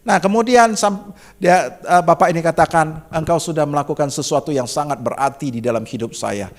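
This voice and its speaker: Indonesian pastor, middle-aged man, high voice, story-driven sermon with big dynamic swings. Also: a little fast. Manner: dramatic swings from soft to loud and high; addresses congregation as "saudaraku".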